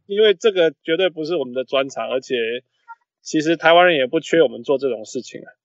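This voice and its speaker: Speaking fast in a fairly high voice, a male sports podcast host chats casually in Mandarin, dropping English phrases in and repeating himself as he searches for words. The recording sounds muffled, roomy and lo-fi.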